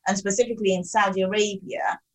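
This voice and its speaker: A woman's voice: medium pitch, fairly even intonation, quick pace, poor audio. A woman from Sudan, a guest researcher, explaining her findings emphatically in a podcast interview.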